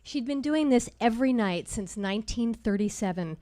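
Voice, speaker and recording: A woman's voice: fairly high pitch, lively intonation, warm tone. Wry woman telling a story live. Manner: wry, measured, with dry comic timing. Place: live storytelling show at a small venue.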